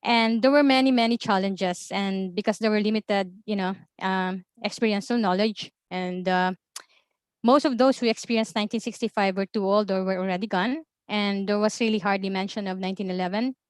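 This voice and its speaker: In a webinar, a Filipino-accented woman from the Philippines presents as an observatory information officer, measured in pace and full of ums and uhs. Her mid-range voice has fairly even intonation and a clean tone, free of room sound.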